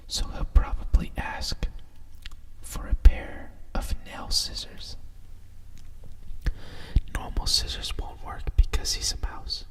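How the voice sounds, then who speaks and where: A storyteller whispers a bedtime picture book softly and soothingly, right in the listener's ear, in an unhurried ASMR style. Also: distant mic, poor audio. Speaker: storyteller reading a picture book aloud with asides.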